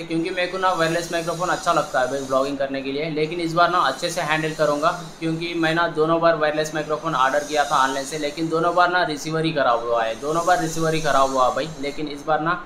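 A man's voice: a little high, sharp tone, a little hiss or hum, low-quality recording. A man chatting casually on his vlog, rambling and repeating himself as he calls his viewers brother, filmed outdoors on a rooftop with a phone. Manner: rambling, repetitive, addresses viewers as bhai. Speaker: vlogger. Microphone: phone camera.

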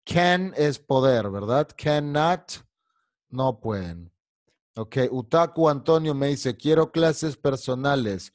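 A man teaching an online English class, repeating English phrases slowly and switching to quick Spanish explanations. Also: medium pitch, a little mellow, no echo, studio quality. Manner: switches between slow drilled English and quick Spanish asides.

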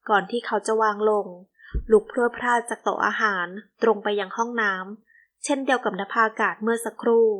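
A woman narrating a romance audio novel in a steady storytelling manner. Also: mid-range voice.

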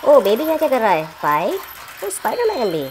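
A woman narrates toy play for children, excitable and full of exclamations. Her pitch leaps around in a lively, sing-song way, and a faint noise sits under the voice. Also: fairly quick.

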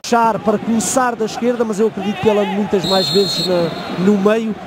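A man with a European Portuguese accent giving analytical football co-commentary, explaining in halting phrases. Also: high voice, steady tone, crowd noise. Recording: clear outdoor stadium noise behind.

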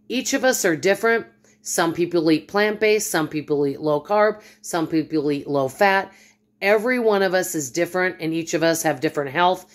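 A middle-aged woman chatting casually to viewers in a vlog, upbeat and friendly, filmed on a phone at arm's length in her home kitchen. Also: lowish voice. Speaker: vlogger. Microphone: phone held at arm's length.

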